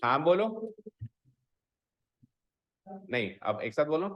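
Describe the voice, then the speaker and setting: A man's voice: on the high side, big pitch swings, slow, lo-fi sound. A man teaching a school maths class, mixing Hindi with English and drilling students on pronunciation. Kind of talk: classroom lecture.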